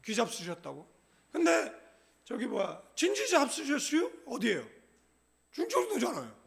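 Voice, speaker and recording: A man's voice: extremely high pitch, wildly swooping pitch, moderate pace, creaky, a bit bright. A middle-aged male pastor preaching in a church, joking and conversational, often checking in with his congregation. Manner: humorous, conversational, asks the congregation "예?". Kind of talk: sermon. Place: church sanctuary.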